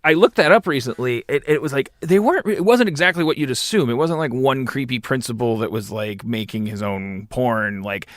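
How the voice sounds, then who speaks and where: Halting, rambling American man in his forties. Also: mid-range voice, dry recording, clean studio sound. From Milwaukee, United States. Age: 40s. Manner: halting, rambling, repeats words as he reasons. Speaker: podcast guest. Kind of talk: casual chat.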